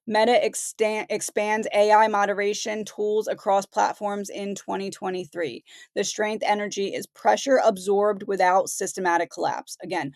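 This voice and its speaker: A woman's voice: mid-range voice, level tone, moderate pace, hardly any pauses, no room sound. Woman losing her voice, dry sound. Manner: conversational, reads headlines aloud. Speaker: host. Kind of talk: casual commentary.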